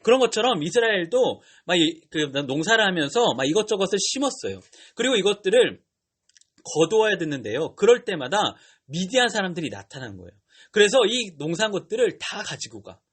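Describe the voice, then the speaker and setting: A young male youth pastor tells a Bible story to teenagers in a high, husky voice. His pitch jumps around a lot, and he uses slang and asks the kids questions as he goes. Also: very animated, brisk, fairly bright tone.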